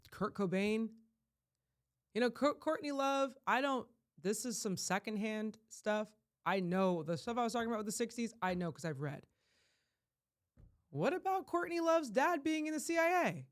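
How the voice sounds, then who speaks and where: A woman life coach giving an emphatic, rambling vlog monologue that surges to loud, heated peaks. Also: medium pitch. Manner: rambling with frequent restarts.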